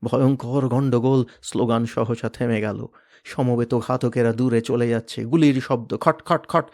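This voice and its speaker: A man reading a novel aloud in a dramatic, expressive manner, sometimes dropping to a hush. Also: mid-range voice, moderate pace. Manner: expressive, varied, hushed at moments. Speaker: reader of a novel.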